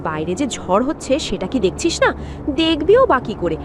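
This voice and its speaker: A woman's voice: high voice, very animated, moderate pace, noisy background. Woman as a swooping, spiteful elder sister-in-law. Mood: scolding, sarcastic. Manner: scolding, sarcastic. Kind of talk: cartoon drama voice acting.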